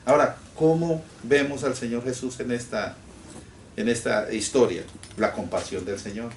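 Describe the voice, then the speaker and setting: A man preaching a sermon in a church, animated, often calling his listeners brothers. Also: mid-range voice, moderate pace. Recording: echoey room from far off with faint noise.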